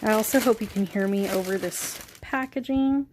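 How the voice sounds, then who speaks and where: A young woman vlogging as she unboxes shoes, gushing and giggly, breathless with excitement. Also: mid-range voice, normal speed, background noise. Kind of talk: casual unboxing vlog.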